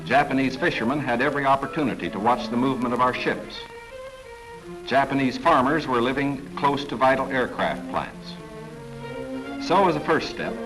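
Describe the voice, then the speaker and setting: A man giving formal, measured 1940s government newsreel narration. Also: mid-range voice, low-quality recording. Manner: formal, measured, authoritative delivery. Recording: narration over clear background music.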